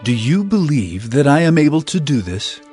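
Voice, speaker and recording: An actor playing Jesus in a dramatized audio Bible, a compassionate teacher speaking earnestly and with authority. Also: male voice, fairly high pitch, sing-song, normal speed, darkish tone. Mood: earnest, teaching. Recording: music behind the voice. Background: background music.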